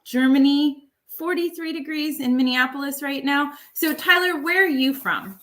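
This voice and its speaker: Bright, chatty woman hosting a livestream. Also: high voice, moderate pace. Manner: chatty, upbeat, many fillers. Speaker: livestream host. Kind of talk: casual live webinar hosting. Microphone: makeshift microphone.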